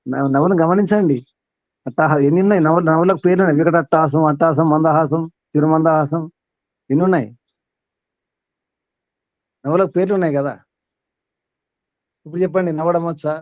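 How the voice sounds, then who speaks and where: A man's voice: fairly high pitch, steady tone, fast talker, pauses often, dry recording, lo-fi sound. A man acting as spiritual teacher, giving a sermon to a small group, questioning his listeners and reeling off long lists.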